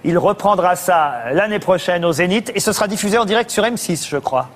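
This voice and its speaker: A man's voice: sits high, brisk. A man hosting a talk show, interviewing his guest and presenting items in a conversational way.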